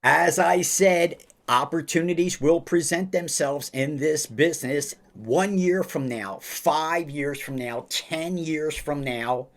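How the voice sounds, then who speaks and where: A man hosting a podcast interview over a video call, speaking slowly and emphatically, with lots of encouraging praise. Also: on the high side. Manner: slow, emphatic, upbeat delivery with drawn-out phrases; repeats praise like a mentor. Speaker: podcast host.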